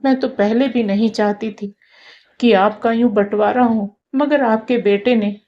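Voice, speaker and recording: A woman's voice: on the high side, steady tone, unhurried, dull audio. Woman voicing a caring young daughter-in-law. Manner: gentle, reassuring.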